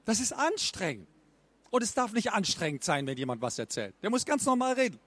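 Lively high-voiced German speech coach. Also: male voice, a little fast, dry recording. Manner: lively, mimics bad speaking habits with exaggerated intonation. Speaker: speech trainer. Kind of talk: stage talk at a book fair.

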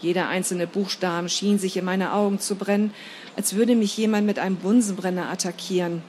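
Woman narrator, first-person story, measured, steady, mid-pitched, faint background hiss.

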